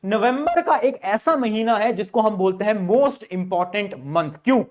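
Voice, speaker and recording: A man's voice: sits high, expressive, measured pace, a little mellow, muffled recording. A male teacher giving students study-planning advice, speaking directly and informally, asking rhetorical questions and answering them himself.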